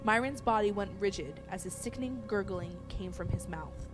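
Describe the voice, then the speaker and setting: A woman storyteller narrating a horror story in a suspenseful way, growing hushed at tense moments. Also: medium pitch, normal speed. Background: music.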